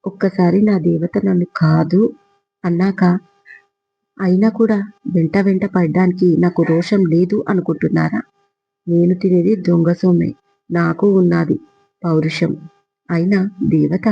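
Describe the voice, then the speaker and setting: A man's voice: high-pitched, fairly even intonation, measured pace, creaky, slightly rough, dry recording, muffled recording, exaggerated voice. A man playing a lovesick small-time rowdy who is self-important and talks in a flowery, devoted way, in a storybook reading. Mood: pleading.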